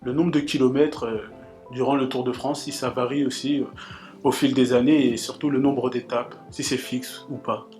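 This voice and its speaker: A man's voice: medium pitch, flat delivery, normal speed, darkish tone, faint music behind, natural voice. Man doing a sulky viewer asking questions. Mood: grumbling. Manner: plain questions, slightly sulky.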